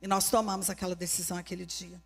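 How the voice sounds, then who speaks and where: A woman's voice: on the low side, level tone, fast talker. A Brazilian woman pastor preaching a sermon with a Brazilian Portuguese accent, fervent and emphatic, repeating her key phrases. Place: church hall. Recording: long church-hall reverb.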